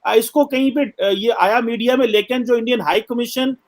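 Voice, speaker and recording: A man's voice: extremely high pitch, normal speed. A man hosting a TV panel, asking polite, long, multi-part questions. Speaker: TV anchor.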